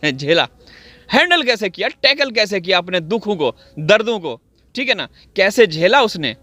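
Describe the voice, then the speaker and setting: A man's voice: high-pitched, big pitch swings, normal speed, bright, forceful tone. A man from Pakistan giving sarcastic, theatrical commentary outdoors, speaking straight to his viewers. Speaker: video commentator. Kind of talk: mocking commentary. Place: outdoors on wet farmland.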